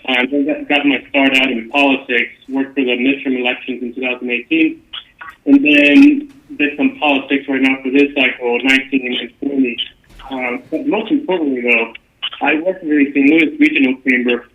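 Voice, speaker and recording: A man's voice: mid-range voice, moderate pace. Man from Honduras over a tinny line. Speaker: economic development director. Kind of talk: formal self-introduction. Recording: tinny phone-like sound.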